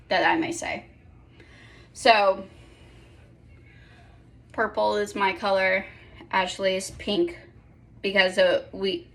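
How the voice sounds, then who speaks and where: Young woman, casual home vlog, slow talk, gravelly fry, rambling self-corrections. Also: mid-range voice, a bit bright. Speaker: vlogger.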